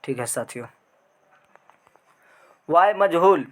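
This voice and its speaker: A man's voice: on the high side, animated, takes it slowly. A man teaching an online grammar lesson, asking questions and answering them himself, drawing out the example words.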